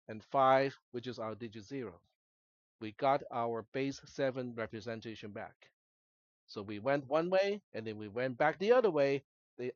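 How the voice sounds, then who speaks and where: In a screen-recorded classroom lecture, a male college instructor whose native language is Cantonese walks students through the material step by step, frequently adding brief tag questions to check in. His pitch is medium, and the recording is dry and muffled.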